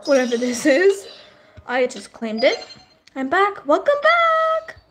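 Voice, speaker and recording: A woman streaming a video game, chatting in a giggly, excitable way. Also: high-pitched, takes it slowly, noisy background. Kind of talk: casual gameplay commentary.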